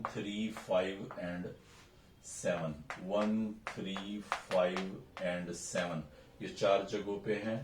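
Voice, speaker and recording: A man's voice: on the low side, a little mellow, recorded from a distance, slight background noise. A man teaching a recorded chemistry lesson, explaining step by step and counting carbons aloud while mixing English terms into Hindi. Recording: echoey room, voice a bit off-mic, faint ambience.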